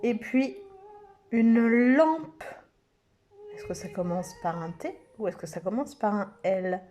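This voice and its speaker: A woman teaching preschool children, speaking slowly and stretching out each word and letter sound. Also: on the high side, big pitch swings, dark tone, slight background noise. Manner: slow, sing-song, stretches out words and letter sounds. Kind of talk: slow lesson for young children.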